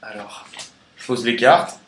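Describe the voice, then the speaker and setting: A man at an everyday pitch talks through a tarot spread in a relaxed, chatty way. His voice rings in an echoey room. A faint noise runs under it. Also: slow pace. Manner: chatty and relaxed, sings snatches of songs. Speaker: tarot card reader. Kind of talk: casual tarot reading video.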